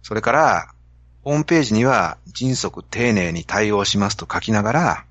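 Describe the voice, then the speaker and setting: A man's voice: lowish voice, moderate pace, a bit bright, dry recording, dull audio. A man with a Kansai accent, hosting a podcast and telling a story to explain a business idea. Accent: Kansai Japanese. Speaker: podcast host. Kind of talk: casual podcast talk.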